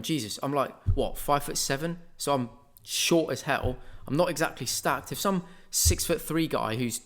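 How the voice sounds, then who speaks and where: A man talks through his thoughts in a loose, casual monologue, circling back with asides and fillers. His voice sits at an ordinary middle pitch for a man. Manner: rambling, conversational, with many asides. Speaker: podcast host.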